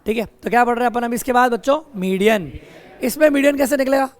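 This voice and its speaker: Amid students' chatter, a male teacher with a very high voice talks fast through a classroom lecture, mixing explanations with teasing and scolding of his students.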